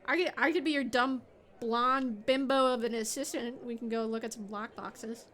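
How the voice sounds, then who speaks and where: A woman playing a tabletop role-playing game, chatting and joking quickly about her character's plans. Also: fairly high pitch, fairly even intonation, a bit bright. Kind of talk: casual play and in-character chat.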